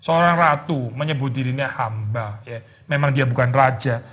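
A male pastor teaching a casual Bible study in an animated way, dropping English words into his talk and acting out the people in the story. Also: medium pitch, normal speed. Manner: animated, acts out quoted characters; mixes English words into speech.

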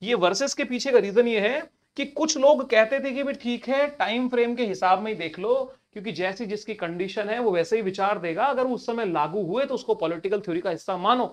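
A male teacher with a high voice delivers an exam-prep lecture fairly quickly and with hardly any pauses. He keeps it conversational, often asking rhetorical questions and addressing the students casually.

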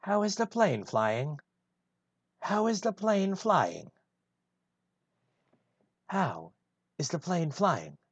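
A man voicing a gruff, brooding male hedgehog antihero in a one-take fan reading of a film script, deadpan and husky. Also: sits high, drawn-out words, pauses often, dry recording, highs cut off, heavily acted.

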